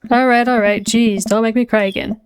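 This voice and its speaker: A woman voicing a sarcastic, deflecting teenage daughter while reading a game aloud on a stream, with a breezy, wisecracking delivery and a smooth, clear voice. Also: a little high, fairly even intonation, a little fast, lightly acted. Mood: teasing.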